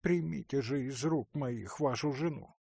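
A man's voice: mid-range voice, measured pace, gravelly, a little mellow, breathy edge, dry recording, voice pushed up. A man voicing a sentimental, theatrical middle-aged noblewoman who pleads tearfully, in an audiobook reading with a dry sound. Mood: pleading.

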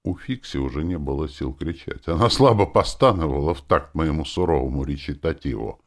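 A male narrator reads a fantasy novel in the first person. His voice is very low but animated, moving freely up and down in pitch. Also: fairly quick. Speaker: audiobook narrator.

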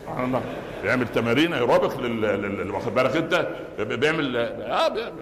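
A man's voice: medium pitch, big pitch swings, fast talker, a bit bright, in a large hall. A man with an Egyptian Arabic accent, preaching a Friday sermon lesson and telling stories with acted quotes and humor.

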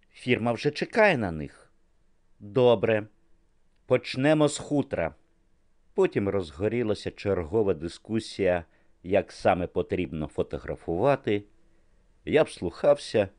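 A man reading an audiobook novel as narrator, in a measured literary manner. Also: low voice, a little mellow, no echo, clean studio sound. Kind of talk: scripted narration.

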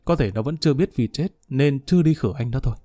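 A man's voice: mid-range voice, animated, fast talker, dark tone, no echo, studio quality, soft background music, close to an everyday voice. A man doing a violent jealous young thug. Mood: anxious.

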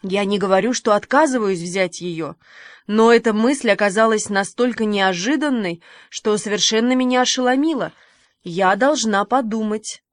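A woman voicing a kindly, fussy middle-aged village woman in a storybook reading, brisk and motherly, softening on endearments. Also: medium pitch, no echo, lightly acted.

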